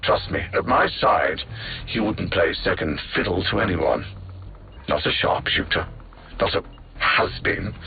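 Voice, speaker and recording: Delivering villain lines for a video game, a male actor plays a haughty, sardonic alien machine mind with cold arrogance and theatrical diction in a full character voice. His voice is low with vocal fry, band-limited by a synthetic radio-like filter, with game music in the background.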